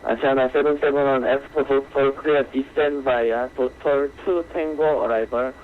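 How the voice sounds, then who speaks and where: This online flight simulation controller talks very fast, his medium-pitched voice fairly even in intonation, as he gives clipped, procedural radio instructions. The audio is muffled, lo-fi radio with faint noise.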